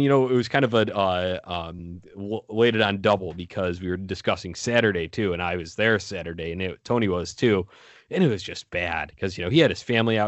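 Male sports podcast co-host, deep pitch, casual recap commentary, dry recording. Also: no room sound, lo-fi sound.

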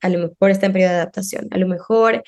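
A woman's voice: fairly low pitch, racing. A middle-aged woman, a parenting guest on a podcast, speaking in casual conversation and acting out the voices of parents and children. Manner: animated, acts out quoted parents and children.

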